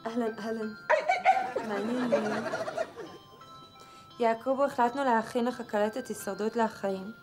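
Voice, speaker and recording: A woman's voice: fairly high pitch, steady tone, pauses often, over music, natural voice. An actress playing a melodramatic comedy character, a mother speaking in mock-grave tones. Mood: playful. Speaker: sitcom character.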